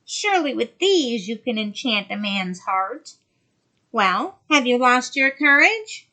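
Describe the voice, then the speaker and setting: A woman voicing a cruel, mocking old female sea witch in a storybook reading, loud, high and gloating. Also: sing-song, slow, full character voice.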